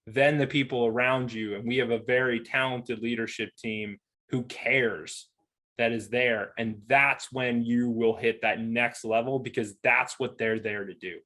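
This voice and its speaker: Male podcast co-host and team leader, mid-pitched, earnest, repeats himself while he builds up to a point. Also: fairly even intonation, unhurried, fairly bright tone. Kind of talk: motivational podcast talk.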